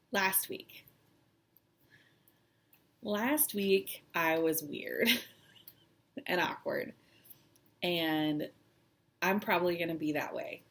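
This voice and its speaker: A woman vlogger chatting casually and personally, halting and hesitant with long pauses, sounding shaky and close to tears. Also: fairly low pitch. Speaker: cross-stitch vlog host. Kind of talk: casual personal chat to camera.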